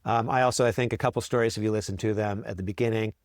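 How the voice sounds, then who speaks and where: A man's voice: lowish voice, steady tone, rapid-fire, no echo, clean studio sound. A man who works as a school librarian, answering interview questions in a friendly way, with ums and repeated words.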